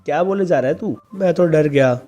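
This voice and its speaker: A man's voice: on the high side, a little fast, dark tone, soft background music, voice pushed up, lightly acted. A man doing a taunting school bully. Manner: taunting, rough. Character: mocking bully leader, teenage boy.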